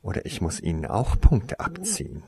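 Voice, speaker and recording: A man voicing a stern, sneering male professor in a storybook reading, slow and cutting. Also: fairly low pitch, wildly swooping pitch, gravelly, mellow, exaggerated voice. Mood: contemptuous.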